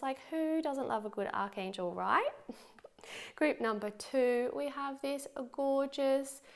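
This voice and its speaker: A young woman doing a casual tarot reading for viewers, chatty and friendly with quick asides and fillers. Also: a little high. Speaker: tarot reader.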